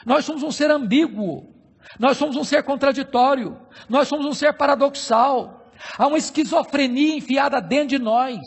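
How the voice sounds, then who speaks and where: A middle-aged Brazilian man preaching a sermon, with emphatic, slowly stressed phrases and repeated rhetorical questions. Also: very high-pitched, creaky. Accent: Brazilian Portuguese. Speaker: pastor. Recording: long hall reverb.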